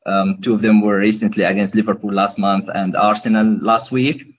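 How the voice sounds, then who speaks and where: A man's voice: on the low side, flat delivery, moderate pace. Hesitant young man. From Gaza, Palestine. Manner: hesitant, many ums and restarts. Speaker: podcast guest. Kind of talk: casual interview answers. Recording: dull lo-fi podcast audio.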